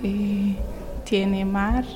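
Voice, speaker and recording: Slow, hesitant woman in her twenties. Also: medium pitch, level tone, noisy background. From Somalia. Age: 20s. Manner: hesitant, short answers, searches for words. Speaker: interviewee. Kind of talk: slow, simple learner's speech.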